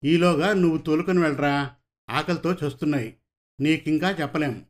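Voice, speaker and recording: A man's voice: a little high, normal speed, lightly acted. A man voicing a domineering rich village landlord who scolds and orders his workers about. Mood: bossy. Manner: scolding, bossy.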